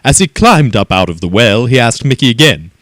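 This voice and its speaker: A man reading a children's story aloud in an expressive, animated way. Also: medium pitch, brisk, dry recording.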